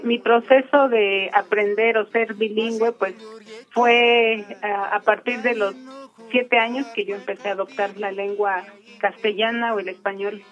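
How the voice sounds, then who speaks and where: In a dull-sounding recording, a woman with a voice on the high side shares a reflective personal story. She is an interviewee from Michoacán, Mexico, whose native tongue is Purépecha, and she speaks unhurriedly, stopping often to think.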